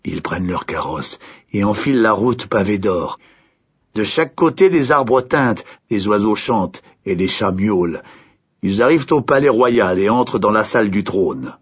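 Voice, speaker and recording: A man narrates a fairy tale with a lively, swooping pitch. His voice is husky and slightly breathy, and the recording sounds dull and lo-fi. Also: normal speed. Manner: expressive, varied storytelling. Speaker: storyteller.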